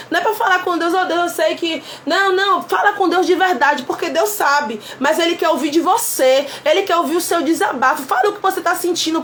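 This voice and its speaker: A woman preacher retelling a Bible story in a casual, emphatic way, repeating key phrases and voicing short quoted lines. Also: extremely high pitch. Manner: voices short quoted lines within her telling. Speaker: preacher and clinical psychoanalyst.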